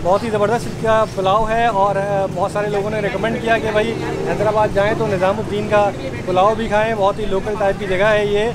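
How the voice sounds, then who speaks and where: A man's voice: high-pitched, little pitch movement, fairly quick. A man, chatting enthusiastically to camera as a food vlog host, recorded on a phone at arm's length. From Pakistan. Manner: upbeat, enthusiastic, chatty, addressing the viewer. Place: outdoors at a bakery courtyard, in a car and at a street stall. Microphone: phone held at arm's length.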